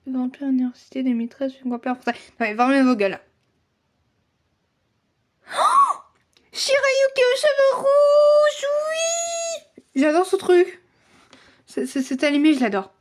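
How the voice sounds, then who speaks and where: A woman talking casually in a chatty, ranting vlog. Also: high-pitched. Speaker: vlogger.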